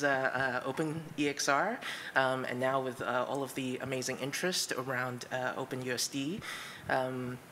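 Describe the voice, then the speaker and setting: A woman's voice: a bass voice, a bit bright, a little hiss or hum. A woman speaker answering audience questions at a conference, thoughtful and hedging with fillers.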